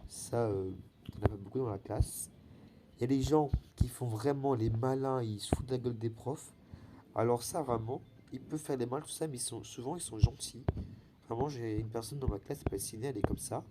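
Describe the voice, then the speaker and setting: Talking fairly quickly at a medium pitch, a teenage gaming channel host rambles over his gameplay, full of fillers and false starts. His voice wavers and cracks a little against background noise.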